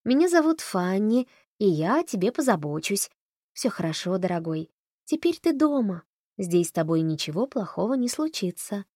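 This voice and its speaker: A woman voicing a cheerful, motherly caretaker who coos gently. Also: mid-range voice, very animated, normal speed, no echo, clean studio sound. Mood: cooing. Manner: cheery, cooing.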